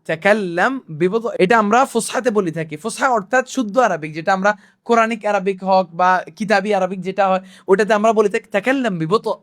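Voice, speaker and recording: High-voiced man teaching phrases. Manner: repeats phrases slowly and drills them, mixes in English words; sprinkles religious phrases through his talk. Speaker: Arabic language teacher. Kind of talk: language lesson video.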